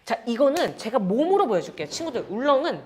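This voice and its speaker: Animated, high-voiced woman teaching Korean. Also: fast, husky. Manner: animated, acts out feelings with sound words and gestures; addresses students as friends, frequent "자". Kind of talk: lively online Korean lesson.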